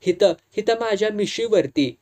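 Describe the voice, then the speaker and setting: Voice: mid-range voice, expressive, normal speed, a little mellow, voice pushed up, natural voice. A reader doing a scared old village elder. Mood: frightened. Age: older. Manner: rural dialect, fearful, confessional. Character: frightened old village patriarch, haunted and guilty.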